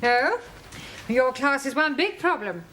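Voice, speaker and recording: A prim middle-aged English headmistress who speaks in a crisp, dry, proper way. Her voice sits fairly high and moves lively, over a faint hiss. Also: a little slow, heavily acted.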